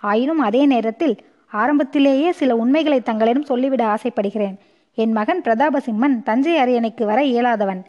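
A woman's voice: fairly high pitch, moderate pace, natural voice. A woman voicing a worried noble mother who speaks earnestly, on a muffled recording.

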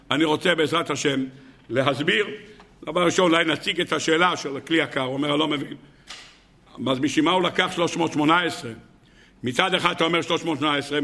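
Male rabbi giving a sermon, high bright voice, lively storyteller. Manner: animated storytelling with rhetorical questions. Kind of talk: Torah lesson sermon.

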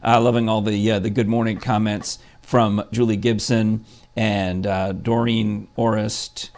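Gravelly-voiced chatty male host. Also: on the low side, flat delivery, a little slow, darkish tone. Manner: chatty, rambling with fillers and restarts. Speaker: show host. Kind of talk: casual morning chat.

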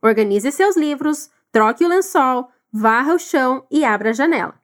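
A woman teaching English, encouraging listeners and drilling phrases slowly for them to repeat. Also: high voice, animated. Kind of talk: recorded language lesson.

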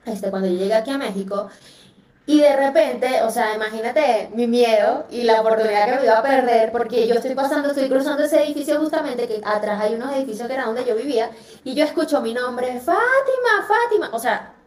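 Venezuelan woman, guest storyteller, high voice, lively with fillers, distant roomy mic. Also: fast. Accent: Venezuelan Spanish. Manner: lively, acts out quoted voices, many fillers. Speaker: podcast guest. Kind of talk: animated personal storytelling.

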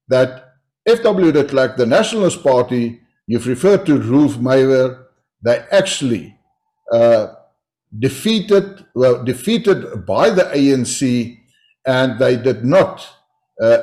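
A politician guest with a South African accent, whose first language is Afrikaans, answers interview questions in a measured way, hesitating often. His mid-range voice has a darkish tone and lively intonation.

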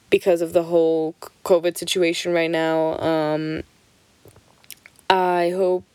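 A woman's voice: fairly low pitch, a little mellow, no echo. A young woman from Switzerland hosting her own podcast, chatting casually, rambling, swearing freely and often restarting her sentences. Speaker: podcast host. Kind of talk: casual solo podcast chat.

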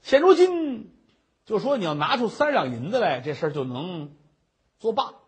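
A man's voice: high-pitched, very animated, moderate pace, slightly rough, full character voice. A man voicing a kind-hearted male beggar who coaxes and asks politely. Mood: earnest. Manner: polite, coaxing.

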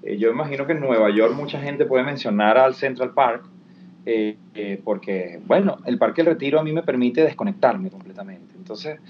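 A man's voice: mid-range voice, normal speed. Man reflecting in conversation. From Venezuela. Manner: warm, reflective, frequent "eh" and "este" fillers. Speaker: guest. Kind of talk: casual conversation. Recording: dull lo-fi sound with faint background noise.

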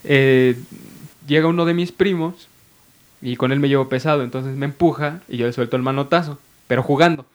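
A man's voice: medium pitch, brisk. A young man with a Mexican accent, a podcast co-host telling a family anecdote in casual chat, laughing as he goes.

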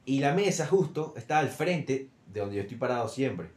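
A young Venezuelan man in quick, slangy, teasing casual chat. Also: medium pitch, lively intonation, darkish tone. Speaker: podcast co-host. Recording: echoey room.

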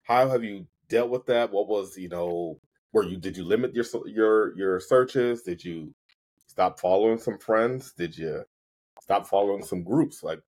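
A man's voice: on the low side, a little slow, darkish tone. A man co-hosting a podcast, easygoing and asking questions with lots of fillers. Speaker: podcast co-host. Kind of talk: casual podcast chat.

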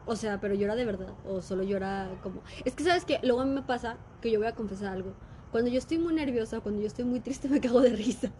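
A woman's voice: on the high side, quick pace, a little hiss or hum. A woman with a Mexican accent hosting a podcast, chatting casually in slang and laughing often. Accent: Mexican Spanish. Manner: slangy, laughs a lot, animated. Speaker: podcast host. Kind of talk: casual chat.

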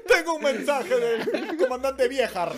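A Peruvian man voicing a male messenger who calls up slowly and loudly from outside a building. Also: very high-pitched, lively intonation, a crowd in the background. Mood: mocking call. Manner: drawn-out calling from afar, laughing. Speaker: comedy podcast host.

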